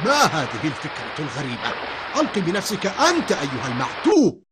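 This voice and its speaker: A man voicing a panicked ancient sailor on a sinking ship, talking loudly and frantically. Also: fairly high pitch, wildly swooping pitch, fast talker, a loud crowd, very noisy. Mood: scornful. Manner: loud and frantic, then scornful.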